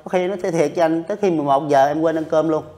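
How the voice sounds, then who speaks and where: A man speaks in casual interview talk. He is earnest and keeps circling back over the same points, his voice sitting a little high for a man. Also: steady tone, racing, dark tone. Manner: earnest, repeats himself while recounting. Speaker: interviewee, street vendor.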